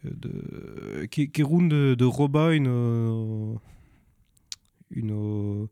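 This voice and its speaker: Slow, halting man searching for words. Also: mid-range voice, lively intonation, vocal fry, warm tone, smooth, no echo, studio quality. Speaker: film presenter. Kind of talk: informal spoken film recommendations.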